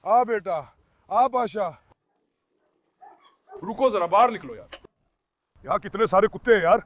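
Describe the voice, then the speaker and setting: A man's voice: high-pitched, animated, measured pace. A man talking casually to his dogs and viewers on his farm, coaxing and scolding them and calling them son.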